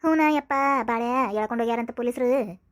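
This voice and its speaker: Woman voicing a high-pitched, chattering village mother. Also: fairly quick, close to an everyday voice. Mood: explaining. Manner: chatty, rambling, prodding with "aa?". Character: fussy middle-aged mother of thieving sons. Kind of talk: cartoon voice acting.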